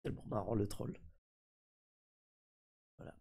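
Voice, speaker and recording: Husky, creaky-voiced man. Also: mid-range voice, normal speed, darkish tone. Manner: mischievous, trolling his community. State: sick. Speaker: streamer presenting a crypto NFT project. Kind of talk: casual live screen commentary.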